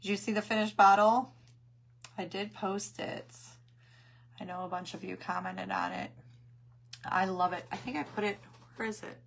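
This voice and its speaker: A woman with a hoarse, failing voice that cuts in and out, chatting casually as she hosts a craft livestream and greets her viewers. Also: medium pitch, fairly even intonation, normal speed, pauses often, slight background noise. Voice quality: hoarse, voice cutting in and out. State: losing her voice after coughing.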